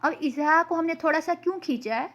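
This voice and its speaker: High-voiced woman teaching Quran recitation. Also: fairly quick, a bit bright, dull audio. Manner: patient and explanatory, often checks in with "okay". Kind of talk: explaining tajweed pronunciation, with slow recited examples.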